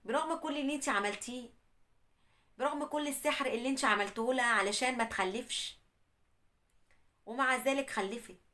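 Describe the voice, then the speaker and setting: Brief: fast, slightly high Egyptian woman, host telling a story and giving earnest advice. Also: a bit bright. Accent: Egyptian Arabic. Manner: earnest, admonishing. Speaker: host reading a listener's story. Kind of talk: first-person storytelling and religious advice.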